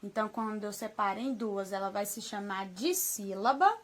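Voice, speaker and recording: A woman with a Brazilian Portuguese accent teaching young children a remote lesson, affectionate and patient, slowly sounding out words and checking in often. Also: mid-range voice. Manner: affectionate, slow syllable-by-syllable modeling, frequent "tá bom?". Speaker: primary school teacher.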